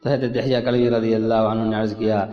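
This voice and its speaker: A man from India giving a religious sermon, speaking slowly and emphatically, repeating phrases, telling stories and chanting scripture. His voice is recorded in a large hall. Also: lowish voice, flat delivery. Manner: recites Arabic scripture in a chanting tone. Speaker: preacher. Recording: echoey hall, dull lo-fi sound, crowd behind.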